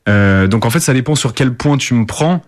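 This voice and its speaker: This interview guest, a young rapper from the suburbs of Paris, France, has an expressive, medium-pitched voice and speaks at normal speed. He answers casually, often restarting and using fillers. The recording is clean studio sound with no room sound.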